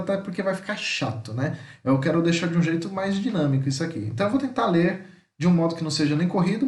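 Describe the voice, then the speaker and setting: Brazilian guy teaching, kinda high voice, echoey room, says "tá?" after everything. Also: distant mic. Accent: Brazilian Portuguese. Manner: tags nearly every phrase with a checking "tá?"; chatty, corrective explaining. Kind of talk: online language lesson. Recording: roomy echo.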